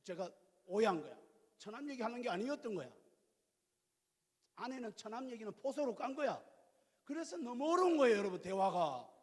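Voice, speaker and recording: A male pastor in his fifties preaching a sermon, telling stories in a lively, colloquial way with questions to the congregation. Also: extremely high pitch, a little fast, long pauses. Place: church sanctuary. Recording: reverberant church hall.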